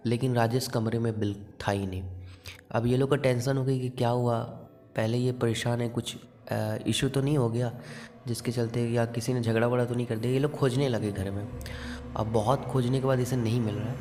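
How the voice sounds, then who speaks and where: A man with an ordinary mid-range voice tells a horror story in a loose, chatty way, pausing on fillers as he goes. Faint music runs quietly underneath his narration. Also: medium pitch. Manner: conversational, with fillers. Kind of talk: casual storytelling.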